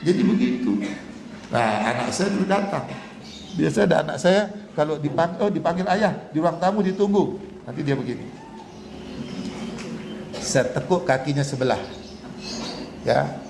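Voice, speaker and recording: Male preacher, somewhat high voice, lively, chuckling, booming hall reverb with faint ambience. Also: normal speed, creaky, long pauses, background noise. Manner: animated, chuckling, rhetorical questions. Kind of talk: lively sermon to a gathering.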